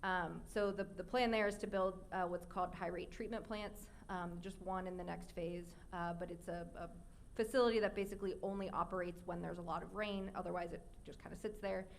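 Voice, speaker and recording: Gravelly-voiced woman hosting a live podcast. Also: fairly low pitch, fairly even intonation, a little hiss or hum. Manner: explanatory, quick asides. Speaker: podcast host and reporter. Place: live audience event indoors.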